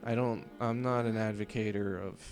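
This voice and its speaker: A man's voice: fairly low pitch, steady tone, normal speed, a little mellow. A man casually talking through a visual novel he is playing. He swears often and fills his speech with "like.". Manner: casual, swears often, heavy use of filler "like". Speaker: let's play host. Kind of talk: casual commentary while reading a visual novel. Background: game music.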